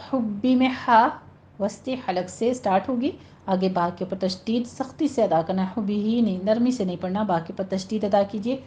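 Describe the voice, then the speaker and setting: A woman teaching Quran recitation rules in a patient, instructive way, drawing out slow examples. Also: mid-range voice, warm tone, a little hiss or hum. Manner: patient, instructive, drawn-out demonstrations. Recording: dull lo-fi audio.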